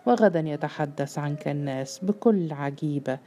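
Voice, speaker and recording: امرأة تؤدي دور ابن شاب غاضب متمرد يصيح بسخرية واحتقار في قصة مسموعة. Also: female voice, low-pitched, normal speed, a little hiss or hum. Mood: furious. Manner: shouting, scornful. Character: furious, defiant grown son.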